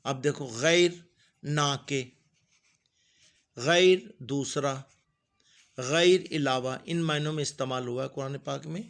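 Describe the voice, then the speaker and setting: A middle-aged man with a fairly high, fairly bright voice teaches a Quran lesson. He recites each word slowly and drawn out, then explains its meaning quickly and plainly.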